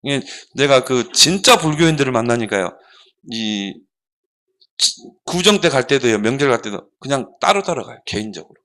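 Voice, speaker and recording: A man preaching a children's sermon, animated and asking the children rhetorical questions. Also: medium pitch, normal speed. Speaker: pastor.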